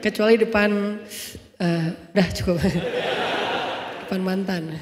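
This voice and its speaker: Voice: mid-range voice, fairly even intonation, slow. Playful religious storyteller with jokey asides, recorded in a reverberant hall. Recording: echoey hall with long reverb.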